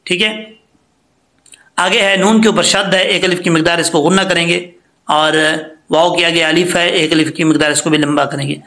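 A man teaching recitation rules patiently, step by step, and chanting slow examples. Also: on the high side, fairly even intonation, sharp tone. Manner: patient, explains step by step, then chants slowly. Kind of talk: tajweed lesson with recited examples.

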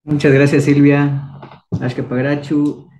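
A man's voice: fairly high pitch, level tone, takes it slowly, mellow, slight background noise. Upbeat young man quizzing a class. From Ecuador. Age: young adult. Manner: encouraging, coaxing questions. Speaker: Kichwa language teacher. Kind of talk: online class, quizzing students.

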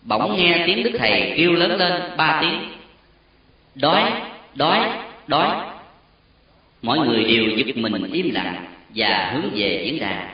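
A man narrating a solemn story with an expressive, emotional delivery. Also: medium pitch, moderate pace. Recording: very echoey, distant, dull lo-fi sound.

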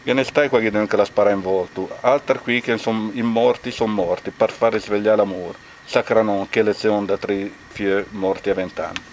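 A man's voice: fairly low pitch, fairly even intonation, normal speed, few pauses, noisy background. A man with a Lombard Italian accent, speaking hesitantly with many fillers, then reading a dialect poem at an outdoor commemoration. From Castano area, Lombardy. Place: outdoors at a memorial bike ride.

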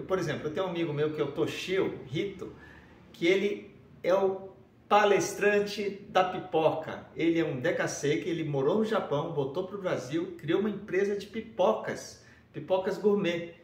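Upbeat São man, echoey room. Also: a little high. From Brazil. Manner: upbeat, addresses viewers directly. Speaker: professional speaker. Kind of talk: casual direct-to-camera pitch. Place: indoor studio room with shelves.

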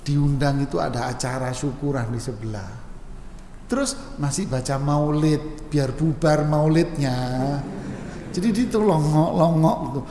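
A man preaching at a mosque study session, answering questions in a relaxed, joking way and mimicking regional speech for laughs. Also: a little high, measured pace, a little hiss or hum. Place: mosque hall. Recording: echoey mosque hall with long reverb, faint ambience.

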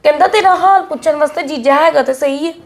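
A woman playing a feisty married elder sister who scolds her younger brother, speaking in a family short film. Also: fast talker. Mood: complaining. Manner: scolding, defiant, high-pitched.

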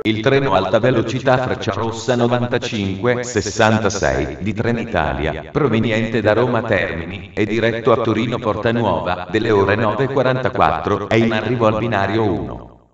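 Echoey male railway station announcer. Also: fairly low pitch. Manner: formal, measured, segmented phrasing. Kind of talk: automated public train announcements. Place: large railway station, heard over loudspeakers. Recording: muffled, very echoey station PA, distant.

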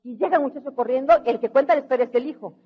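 Mexican woman, high voice, motivational storytelling talk, dull lo-fi sound. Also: racing, slightly rough. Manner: animated, acts out quoted voices. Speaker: motivational speaker. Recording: dull lo-fi recording.

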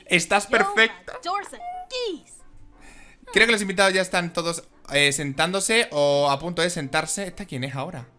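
A man giving casual, excitable and emotional commentary on a life-simulation game. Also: a little high. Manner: excitable and emotional, exclaims and giggles. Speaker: gaming video host.

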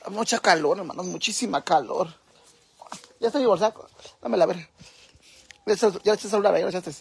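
Campy man, mexican accent, high husky voice, theatrical home vlogger cooing at pets. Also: fast talker. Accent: Mexican Spanish. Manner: campy, theatrical, talks to pets and viewers as "hermanas", swears freely. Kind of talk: casual home vlog chat. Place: home with pets and fish tanks.

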